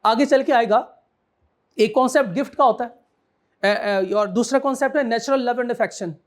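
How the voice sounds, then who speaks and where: A man's voice: very high voice, moderate pace. A man giving a classroom law lecture, quizzing students and repeating his key points.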